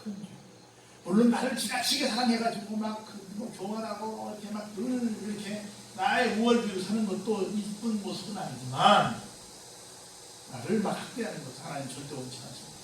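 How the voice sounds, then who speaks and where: A man's voice: high voice, a little fast, far from the mic, a little hiss or hum. A male pastor preaching a sermon in a conversational way, firing rhetorical questions at the congregation. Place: church sanctuary. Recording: very echoey church room from afar.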